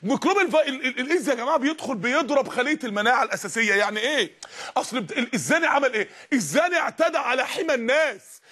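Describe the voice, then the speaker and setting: Egyptian male preacher, high husky voice, quick emphatic sermon delivery with rhetorical questions. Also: animated, pushed and bright. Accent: Egyptian Arabic.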